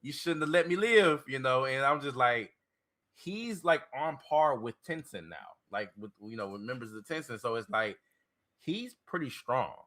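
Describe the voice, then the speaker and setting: A man's voice: mid-range voice, expressive, moderate pace, sharp tone. A man co-hosting a podcast, chatting casually and animatedly, often repeating himself and laughing. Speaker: podcast co-host. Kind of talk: casual chat.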